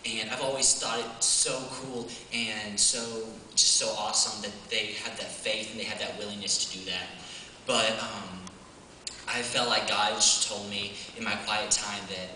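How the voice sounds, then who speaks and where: A man's voice: fairly low pitch, pushed and bright, a little hiss or hum. A young man giving a casual, hesitant talk with many fillers, then performing a spoken word poem with rising intensity. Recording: echoey hall from far off, faint ambience.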